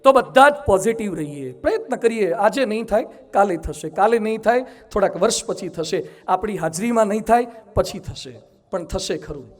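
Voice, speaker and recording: Emphatic high-voiced monk preaching. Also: male voice, normal speed. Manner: emphatic, animated storytelling. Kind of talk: sermon.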